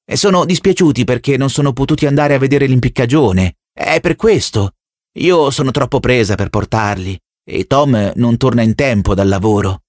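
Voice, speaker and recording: A man's voice: medium pitch, moderate pace, darkish tone, no room sound, studio quality, natural voice. A man voicing an anxious, worn-out middle-aged housewife who talks in an apologetic, fretful way.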